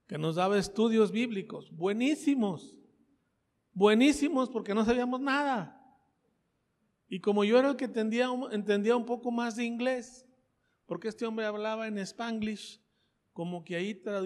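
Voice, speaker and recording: A high-pitched, slightly mellow male voice with a Mexican accent delivers a church sermon featuring his personal testimony. He's conversational, repeats phrases, and asks listeners questions. The recording carries the reverb of the church hall.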